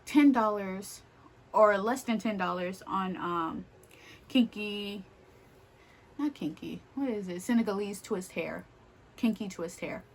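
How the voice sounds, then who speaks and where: A woman's voice: mid-range voice, slow, long pauses. A young adult woman vlogger speaking straight to camera, blunt and exasperated, swearing freely as she rants. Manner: blunt, profane, exasperated ranting. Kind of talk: casual rant to camera.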